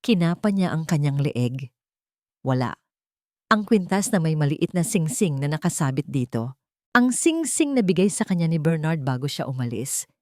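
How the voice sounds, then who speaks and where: Her low, slightly mellow voice swings widely in pitch at a normal speed as this Filipino-accented woman narrates a scripted dramatic story for an audiobook. The sound is clean studio audio with no room sound.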